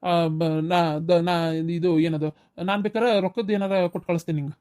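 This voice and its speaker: An evasive middle-aged village husband, as a woman plays him in a family skit, with a North Karnataka Kannada accent. The voice is fairly low and quick, and it sounds dry and close. He dodges every request with excuses. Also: mellow, no echo, close to an everyday voice. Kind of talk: village family drama acting.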